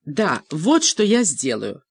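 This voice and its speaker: A woman's voice: low-pitched, huge pitch swings, takes it slowly, breathy edge, full character voice. A woman voicing an anxious but stubborn young noblewoman in an audiobook. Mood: nervous.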